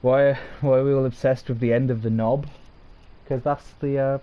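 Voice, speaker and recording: A man's voice: mid-range voice, steady tone, normal speed, lo-fi sound, slight background noise. A man streaming a game and chatting with his viewers in a casual, self-mocking way, often laughing. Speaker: gaming streamer.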